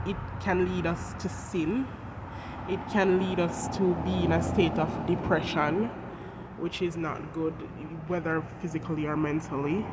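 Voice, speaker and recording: Against noisy outdoor traffic, a host with a congested head cold reads scripture and speaks straight to viewers in a sincere devotional talk. The medium-pitched voice stays level and moves a little slowly.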